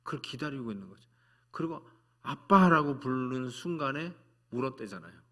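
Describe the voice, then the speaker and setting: A male pastor preaching at a midweek prayer service, telling stories in a conversational way and moving between hushed, soft passages and loud, fervent prayer. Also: mid-range voice, lively intonation, normal speed.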